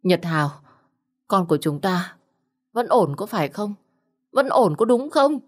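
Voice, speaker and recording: A woman voicing a frightened, grieving young pregnant wife who sobs and pleads in a high voice. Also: moderate pace, natural voice. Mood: pleading.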